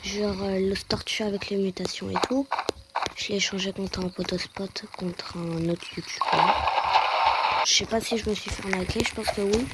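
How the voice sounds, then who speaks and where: A young woman giving casual gameplay commentary, hesitant with fillers, often exclaiming and repeating words when excited. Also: mid-range voice, normal speed, heavy background noise. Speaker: gaming youtuber.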